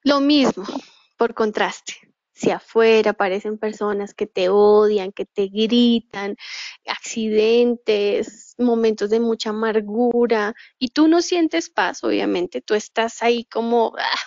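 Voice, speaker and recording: A woman giving a calm, reflective motivational talk on leadership, full of rhetorical questions. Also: on the high side, slow, dry recording, muffled recording. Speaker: leadership speaker.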